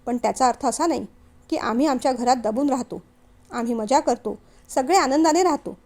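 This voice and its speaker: A steady devoted young son, firm and earnest in an audio novel, a woman voicing him in a high, light voice. he talks plainly and means every word. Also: a little fast.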